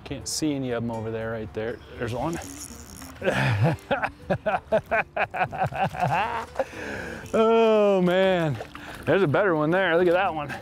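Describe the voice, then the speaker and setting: A middle-aged man hosting a fishing show, giving excited, chatty commentary from a boat on a pond and laughing often. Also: a little high.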